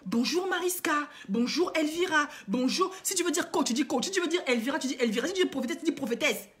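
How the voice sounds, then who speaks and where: Brief: woman vlogger with a high voice, indignant, lectures her viewers through repeated rhetorical questions. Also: lively intonation, fast. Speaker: online coach and vlogger. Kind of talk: impassioned moralizing monologue to viewers.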